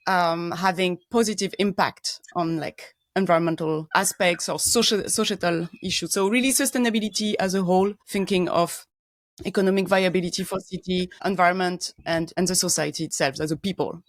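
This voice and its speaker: A woman's voice: medium pitch, moderate pace, no room sound. Earnest woman with a French accent. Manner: earnest and explanatory, searching for words with frequent ums and restarts. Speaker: guest expert, engineer. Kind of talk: casual podcast interview.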